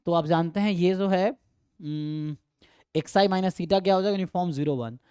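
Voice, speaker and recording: A man's voice: high voice, normal speed, warm tone, clean tone, dry recording, studio quality. A man teaching statistics, walking through exam problems and checking in with his students often. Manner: explanatory, frequent "है ना" check-ins, mixes English terms. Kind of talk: exam problem walkthrough lecture.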